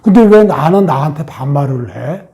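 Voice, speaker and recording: A man's voice: on the high side, animated, normal speed, warm tone. A man giving a meditation lecture, asking questions and answering them himself, sometimes dropping to a whisper. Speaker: meditation teacher.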